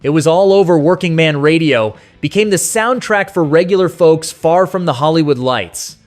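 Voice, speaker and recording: A man with a fairly high voice speaking at normal speed narrates a scripted nostalgic countdown over background music. His storytelling is folksy, conversational, and sentimental.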